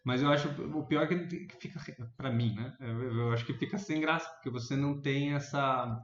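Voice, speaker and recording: A man with a Brazilian accent making his points in a casual debate, thinking aloud with restarts and sudden animated rises in pitch. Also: normal speed. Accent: Brazilian Portuguese. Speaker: debate panelist. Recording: echoey room, dull lo-fi sound.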